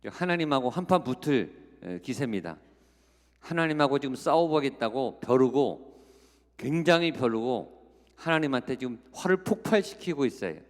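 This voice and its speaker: A man's voice: mid-range voice, animated, normal speed. A man preaching a Korean sermon as a guest revival speaker, exhorting the congregation with rhetorical questions and acting out quoted voices. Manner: acts out quoted voices in the telling. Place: large church sanctuary. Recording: long hall reverb of a church sanctuary.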